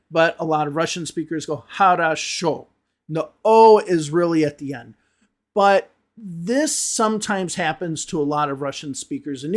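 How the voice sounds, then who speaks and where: A man's voice: on the high side, darkish tone. A man from Chicago with an American accent, teaching an online English lesson with emphatic repetition and frequent "okay?" and "right?" checks. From United States (Chicago). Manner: emphatic, repeats words for stress, asks "okay?" and "right?".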